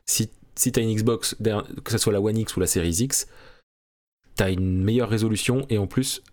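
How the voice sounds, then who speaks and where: A man chatting casually as a podcast co-host, quick and eager, stacking up words of agreement. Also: lowish voice, a little mellow.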